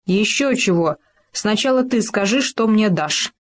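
Woman doing a cheeky, gruff little hedgehog. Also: mid-range voice, lively intonation, measured pace. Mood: cocky. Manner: gruff, blunt, cocky. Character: bold, cheeky male hedgehog hero.

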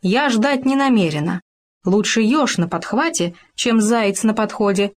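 A woman's voice: medium pitch, expressive, measured pace. Woman putting on a sly sugary fox. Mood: commanding. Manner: sugary, snapping. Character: sly sweet-talking female fox.

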